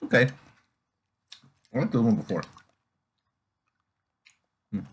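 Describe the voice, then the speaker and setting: A man's voice: medium pitch, lively intonation, slow pace, slightly rough. A father chatting casually through a mouthful of candy, humming and mm-hmming eagerly. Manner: enthusiastic, lots of hums and mm-hmms. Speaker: father doing a taste test with his child. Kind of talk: casual video chat.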